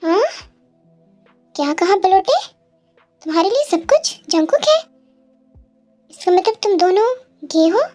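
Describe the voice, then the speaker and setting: A woman's voice: very high voice, big pitch swings, a little slow, long pauses, warm tone, faint music behind, exaggerated voice. A woman voicing a caring young woman who reassures and playfully teases her friends in an audio story. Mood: teasing. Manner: reassuring, promising tone.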